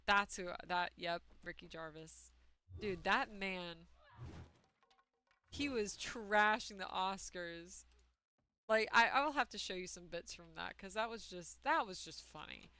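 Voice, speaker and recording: A young woman chatting casually and excitably during a live gaming stream. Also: lowish voice, normal speed, clean tone, no room sound. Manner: chatty, excitable, heavy use of "like". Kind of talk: casual chat while gaming.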